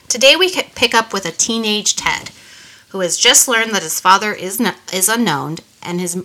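A woman's voice: lowish voice, sharp tone. A woman co-hosting a podcast, nasal from a recent illness, reading from notes with small restarts. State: nasal from a cold. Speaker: podcast co-host.

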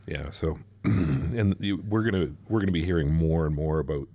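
Very deep-voiced male podcast co-host. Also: moderate pace, warm tone, dry recording. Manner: hesitant, many fillers and restarts when explaining. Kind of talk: casual chat.

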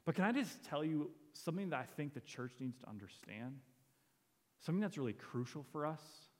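A man's voice: fairly high pitch, long reverb tail. A man preaching a sermon as a pastor, earnest and conversational, quoting lines as he goes. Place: church sanctuary.

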